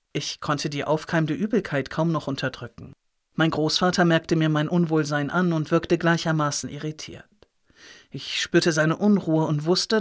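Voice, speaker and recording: A man reading a first-person novel aloud in an expressive, dramatic narration style. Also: a little high. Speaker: audiobook reader.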